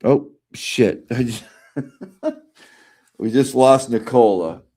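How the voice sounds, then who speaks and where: A man's voice: medium pitch, extremely slow, warm tone. A man hosting a live stream, talking casually with lots of fillers and swearing. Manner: rambling, profane, many fillers. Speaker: streamer host reacting to a live audio room.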